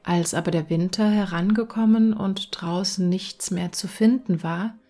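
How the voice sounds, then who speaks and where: A woman reading a fairy tale aloud as a storyteller, calm and soft, partly whispered. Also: lowish voice, a little slow, soft background music.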